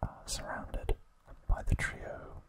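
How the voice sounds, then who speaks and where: This is a whispered trivia summary from a male ASMR host, airy and unvoiced, paced out in short, intentional phrases.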